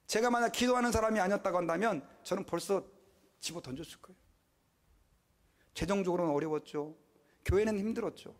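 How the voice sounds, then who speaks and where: Animated high-voiced man preaching. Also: fast talker, pauses often. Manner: emphatic, animated preaching with acted-out quotes and rhetorical questions. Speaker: pastor. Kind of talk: sermon.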